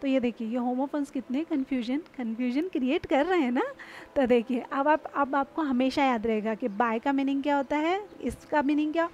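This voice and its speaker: A woman teaching English homophones in Hindi, who reads the example sentences slowly and asks her students to repeat after her. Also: high voice, a little mellow, muffled recording, slight background noise.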